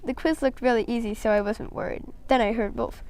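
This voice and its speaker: Woman, reading a story aloud, plain storytelling, slightly high, smooth clear voice. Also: fairly even intonation, brisk, a little mellow. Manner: plain storytelling, occasional slips and restarts.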